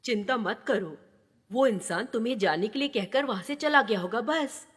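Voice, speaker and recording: An actress playing a calm, soothing mother figure, in a dubbed horror film. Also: a little high, moderate pace, breathy edge, long reverb tail.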